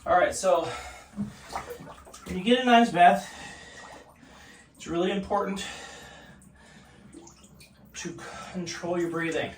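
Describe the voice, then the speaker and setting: A man's voice: high voice, slow, pauses often, far from the mic. Echoey man talking from an ice cold bath. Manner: speaking while sitting in ice cold water. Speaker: vlogger demonstrating ice baths. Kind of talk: casual instructional talk to camera. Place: home bathtub in a bathroom. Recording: echoey bathroom, off-mic, water noise.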